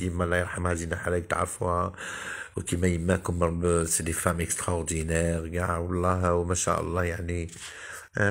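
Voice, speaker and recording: A middle-aged man from Algeria talks to his followers in a rambling, theatrical, emotional monologue. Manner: theatrical, emotional, swinging from murmurs to high exclamations. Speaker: social media personality.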